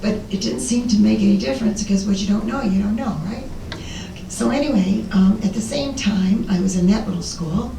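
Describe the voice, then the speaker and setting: An older American woman with a raspy voice, giving an informal, rambling, self-deprecating talk about herself as a presenter. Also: fairly quick. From Illinois, United States. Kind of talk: informal autobiographical talk to an audience. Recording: roomy, distant mic, faint rumbling noise.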